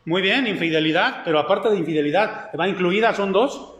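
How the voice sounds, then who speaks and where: A man's voice: high voice, brisk, fairly bright tone. A man preaching a sermon as pastor, who keeps putting questions to the congregation. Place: church hall. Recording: echoey hall with long reverb.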